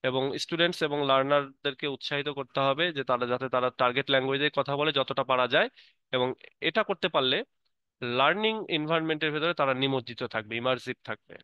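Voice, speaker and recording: A male teacher gives an online lecture, his voice clear and resonant. He reads English passages slowly, then explains them in a relaxed, filler-laden way. The sound is close and dry. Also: medium pitch, no echo, lo-fi sound. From Bangladesh.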